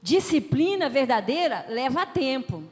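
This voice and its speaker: A woman telling family stories in an emphatic, lively preaching talk at a family conference. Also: sits high, a little slow. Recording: long hall reverb.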